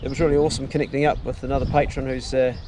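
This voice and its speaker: Music plays under a broad-accented New Zealand fishing host from the South Island as he chats, very fast and flat, at medium pitch. He's matey, blokey and sweary, talking casually to his companion and the camera while fishing outdoors on the water. Boat and water noise are clearly audible.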